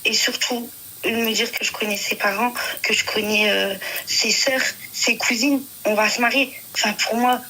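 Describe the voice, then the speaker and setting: A young woman calling a radio show, shaken and hesitant, halting with many fillers. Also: a little high, fairly even intonation, bright, forceful tone, rough recording. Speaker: caller. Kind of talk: phone-in confession.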